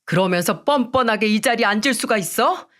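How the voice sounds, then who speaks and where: A woman's voice: on the high side, lively intonation, brisk, a bit bright. Woman voicing a firm young lawyer son. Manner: firm, decisive.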